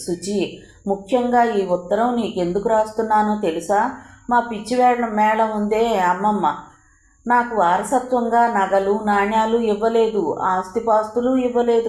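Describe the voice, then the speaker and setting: A woman reads a novel aloud, voicing a heartfelt first-person letter at a steady, measured pace. Her voice sits at a middling pitch and carries a noticeable room echo, as if recorded in a bare room. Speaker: audiobook narrator. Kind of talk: scripted novel reading.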